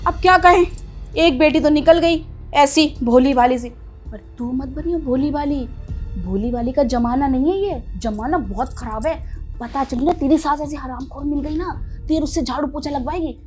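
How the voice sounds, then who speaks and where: A woman playing a meddlesome, sharp-tongued mother who scolds and taunts her daughter. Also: sits high, normal speed, soft background music, close to an everyday voice. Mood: scolding. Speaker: mother-in-law character. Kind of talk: family drama acting.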